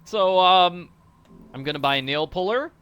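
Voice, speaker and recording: A man's voice: high voice, expressive, normal speed, clean tone, dull audio. A man hosting a game walkthrough with casual, playful, jokey commentary.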